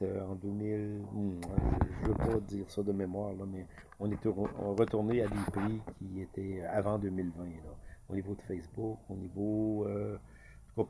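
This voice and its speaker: Hesitant Québécois man, mellow low voice. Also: creaky, slight background noise. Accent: Québécois French. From Quebec. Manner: hesitant, many fillers and restarts. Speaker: market commentator. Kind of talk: casual video commentary.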